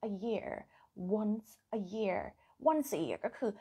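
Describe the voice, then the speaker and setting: Chatty, husky Thai woman teaching English. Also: medium pitch, huge pitch swings, extremely slow, dark tone. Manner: chatty, switches between Thai and English, drills words by repetition. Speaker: English teacher on a live stream. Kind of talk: casual live-stream English lesson. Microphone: phone camera.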